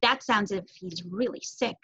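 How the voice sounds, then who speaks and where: A woman voicing a warm, brisk mother mouse in a storybook reading, calling out cheerfully. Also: mid-range voice, slightly rough, heavily acted. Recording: dull lo-fi recording.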